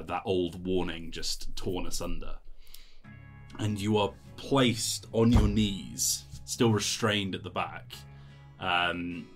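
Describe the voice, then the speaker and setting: A man's voice: low-pitched, a bit bright. A man narrating as game master in a tabletop game, loose and full of fillers.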